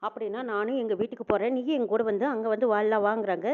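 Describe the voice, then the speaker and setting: A woman's voice: fairly high pitch, fairly even intonation, very fast, narrow, tinny audio. A woman narrating a recap of a TV serial episode, quoting each character in turn. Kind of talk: fast scripted recap narration.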